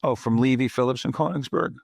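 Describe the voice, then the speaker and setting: Talking fast, the Bronx host has a medium-pitched voice that's creaky and slightly rough, recorded studio-clean without echo. He chats his way through the interview, leaning on leading questions and plenty of "right?"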